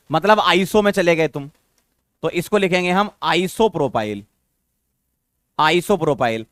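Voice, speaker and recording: A man's voice: on the high side, a bit bright, smooth, no room sound, studio quality. A man teaching a chemistry lesson, coaxing his students with questions and repeating the key terms. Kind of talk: classroom lecture.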